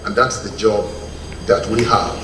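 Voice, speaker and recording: A man with a Nigerian English accent addresses a ceremony, slow and emphatic. He sounds off-mic in an echoey hall, with clear room noise behind him. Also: lowish voice, steady tone, distant mic. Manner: deliberate and emphatic. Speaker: official speaking at a ceremony. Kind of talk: formal speech.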